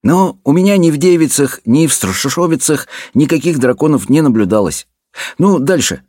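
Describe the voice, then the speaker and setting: A man's voice: a little high, expressive, moderate pace, mellow, no echo, clean studio sound. A man voicing a skeptical male town guard who speaks dryly and impatiently.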